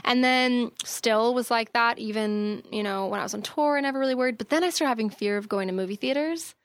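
A young woman chats casually as a podcast guest, her voice on the high side and a little fast, with lots of fillers and laughter throughout the conversation.

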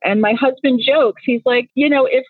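A Nigerian woman in her thirties, an Igbo first-language speaker and company founder, answers interview questions earnestly and reflectively, often restarting her sentences. Her voice sits high at normal speed, with no echo, over a tinny phone line.

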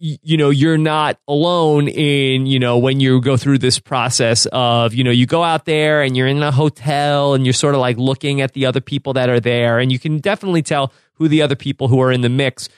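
A man's voice: mid-range voice, fairly even intonation, brisk, few pauses, smooth, dry recording, clean studio sound. A man hosting a podcast, asking easygoing, curious questions in casual chat. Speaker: podcast host.

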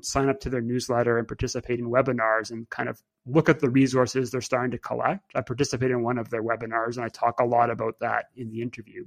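The male podcast host has a creaky, mid-range voice. He muses in a relaxed, conversational way, often restarting sentences and leaning on filler words.

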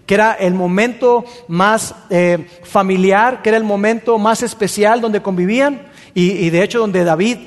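High-voiced preacher in a reverberant hall. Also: male voice, normal speed. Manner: colloquial and animated, with slangy asides. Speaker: pastor. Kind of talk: sermon, storytelling a Bible passage.

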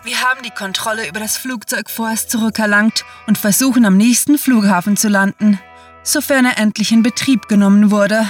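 A woman playing a flustered airline pilot making mock-calm announcements to passengers, stammering now and then. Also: mid-range voice, brisk, far from the mic, soft background music, close to an everyday voice.

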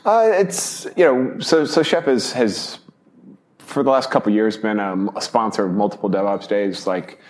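A man speaking as a guest in a casual podcast interview, rambling and halting between phrases. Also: lowish voice, a little mellow, a little hiss or hum. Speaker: podcast co-host and sponsor guest.

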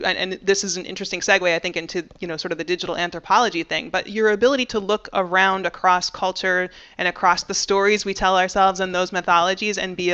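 A woman hosts an interview in a bright, smooth voice. She speaks thoughtfully, pausing with "uh" as she works out her questions. The audio sounds slightly muffled. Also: fairly low pitch. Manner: warm, thoughtful, halting with "uh". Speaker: podcast host. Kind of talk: casual interview.

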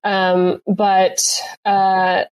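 A woman's voice: medium pitch, completely flat delivery, very slow, clean tone, highs cut off. Woman chef chatting, lots of ums and restarts, regular mid voice. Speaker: chef guest recapping a cooking competition. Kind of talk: casual podcast chat.

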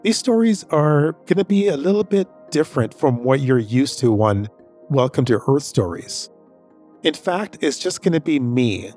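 Soft music plays behind a man hosting a story podcast, who tells a personal anecdote casually, drifting and repeating himself. His voice is a little high and a little mellow, at a moderate pace with lively intonation.

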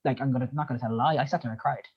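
A man's voice: mid-range voice, steady tone, racing, slightly rough. A young man telling a personal story in casual chat, rambling with lots of fillers. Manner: rambling, filler-heavy, emotional retelling. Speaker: guest. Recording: dull lo-fi sound.

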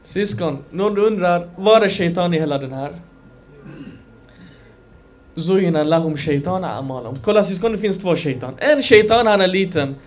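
A man giving a conversational sermon to a gathering, animated, swinging between loud emphasis and quiet asides. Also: sits high. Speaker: religious lecturer.

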